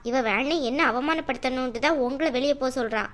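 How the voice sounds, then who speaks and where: A woman voicing a sharp-tongued young cartoon wife. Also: brisk. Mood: indignant. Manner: high, argumentative, sharp-tongued. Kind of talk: cartoon family drama voice acting.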